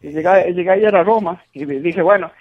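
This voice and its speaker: High-voiced man on a muffled call. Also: fairly quick. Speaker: call-in guest. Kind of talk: casual travel anecdote. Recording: muffled band-limited call audio.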